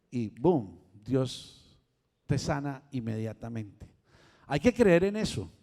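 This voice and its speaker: A man pastor with a slightly high voice teaches from the pulpit. He speaks emphatically and sums up each point clearly for the congregation. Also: warm tone, big-room sound. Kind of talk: sermon teaching. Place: church sanctuary.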